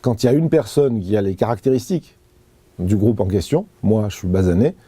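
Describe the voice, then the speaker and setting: A man's voice: fairly low pitch, expressive, a little fast, mellow, breathy edge, no echo. A man being interviewed, giving an earnest personal account with many hesitations and restarts. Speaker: interview guest.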